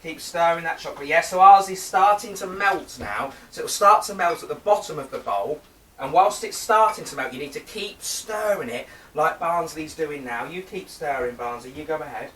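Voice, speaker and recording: A man's voice: fairly high pitch, moderate pace, bright, forceful tone, echoey room, distant mic, slight background noise. A man presenting a live cooking demonstration for children. He chats playfully, talks straight to the boys and girls watching, and teases a companion on stage. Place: theatre stage.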